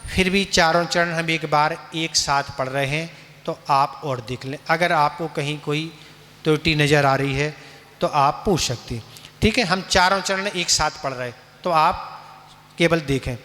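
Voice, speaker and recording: A Jain monk teaches scripture recitation, covering Sanskrit pronunciation and chanting verses line by line in a slow, drawn-out style with repeats. His voice is a little high, pushed and bright, and he patiently poses questions and answers them himself, with long hall reverb on the recording.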